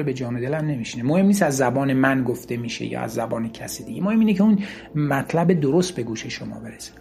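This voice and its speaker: Earnest man giving a motivational talk. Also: a little high. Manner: earnest, emphatic, builds points through repeated lists. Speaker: motivational speaker.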